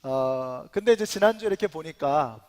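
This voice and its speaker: High-voiced pastor preaching in a reverberant church. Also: male voice, animated, moderate pace, darkish tone. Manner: conversational, with filler sounds and rising emphatic build-ups. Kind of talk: sermon. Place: church sanctuary. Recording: long reverb of a church hall.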